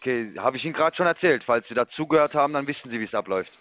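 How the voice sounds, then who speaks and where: A man making a sales call in a mid-pitched voice, talking down to the other person. He lectures and steers the talk back to business. The line sounds dull and lo-fi. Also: expressive, rapid-fire, a bit bright. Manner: condescending, lecturing. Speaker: investment sales caller.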